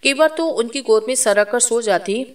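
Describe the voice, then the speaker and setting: A woman's voice: on the high side, lively intonation, moderate pace, distant mic, lightly acted. A woman reading as a bold young woman with spiritual powers.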